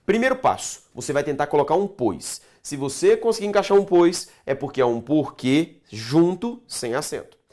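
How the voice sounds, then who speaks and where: A man teaching Portuguese grammar in a video lesson for exam candidates. He writes on a board as he goes, asks the class rhetorical questions and stretches key words out slowly. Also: fairly high pitch, lively intonation, a little mellow.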